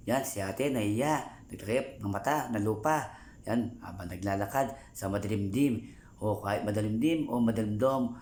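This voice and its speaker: A man's voice: fairly low pitch, darkish tone, roomy sound. A man hosting a casual food vlog from a night market, joking and laughing as he eats and talks to viewers. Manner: playful, laughing, jokey. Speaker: food vlogger.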